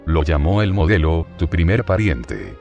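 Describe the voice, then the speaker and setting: Deep-voiced man narrating a vision slowly. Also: very animated, dull audio, over music. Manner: measured, deliberate, descriptive. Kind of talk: slow scripted narration of a visionary account.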